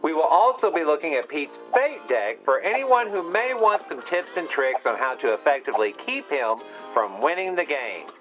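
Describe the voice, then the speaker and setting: A man with a somewhat high voice narrates a board game strategy guide with wry, dry humor. His voice comes through a fuzzy, distorted mono effect that sounds dull and lo-fi. Faint guitar music plays behind him. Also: very animated, moderate pace, few pauses, fairly bright tone. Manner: wry, with dry sarcastic asides. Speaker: host.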